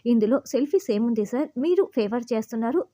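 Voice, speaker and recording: A woman's voice: a little high, animated, fast talker, dark tone, lightly acted. A woman voicing an eager young assistant who urgently persuades her boss.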